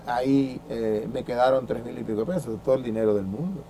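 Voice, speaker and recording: A Dominican man in his sixties, a former baseball pitcher, telling stories in an interview and acting out the dialogue he quotes. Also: brisk, a little hiss or hum. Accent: Dominican Spanish. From Dominican Republic. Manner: lively storyteller who acts out quoted dialogue, with frequent restarts. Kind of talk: anecdotal storytelling in an interview.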